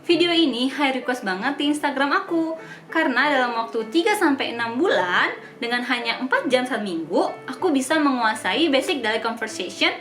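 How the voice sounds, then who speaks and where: A woman's voice: high voice, animated, normal speed, fairly bright tone. A young woman whose first language is Indonesian, hosting a casual language tutorial in an upbeat, chatty way and spelling words out letter by letter. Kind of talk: casual explainer vlog. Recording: echoey room with music behind.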